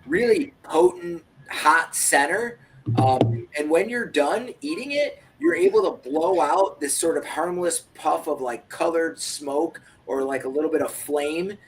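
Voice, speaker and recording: A man narrating a tabletop game as game master, casual and halting. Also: a little high, very animated, a little hiss or hum. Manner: casual, halting, many fillers. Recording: faint background music.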